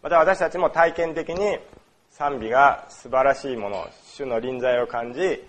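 A man's voice: mid-range voice, measured pace. A man from Osaka preaching a sermon in a conversational way, with many fillers and questions put to the congregation. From Osaka, Japan. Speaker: pastor. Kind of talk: sermon on worship.

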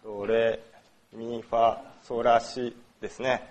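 A pastor from Osaka, Japan, delivers a sermon on worship in a medium-pitched, level, slightly mellow voice at a slow pace. His style is conversational, packed with fillers and questions aimed at the congregation.

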